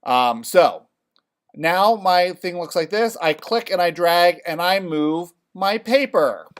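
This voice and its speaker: Male instructor, a touch high-voiced, casual and talkative, walking a class through software. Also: lively intonation, slow pace. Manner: chatty, checks in with "okay?" often. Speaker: college theater design instructor.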